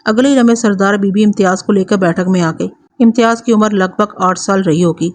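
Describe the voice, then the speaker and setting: Woman steadily reading a crime story. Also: mid-range voice. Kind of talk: scripted narration of a crime story.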